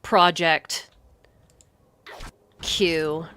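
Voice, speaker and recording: Bright, sarcastic woman streamer. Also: low voice, fairly even intonation, very slow, smooth. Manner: sarcastic, joking. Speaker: gaming streamer. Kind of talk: casual chat over gameplay.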